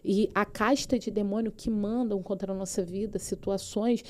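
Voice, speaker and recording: A woman's voice: medium pitch, steady tone, normal speed, a little mellow. A woman pastor with a Brazilian Portuguese accent, telling her personal faith testimony as a podcast guest with fervent, vivid storytelling.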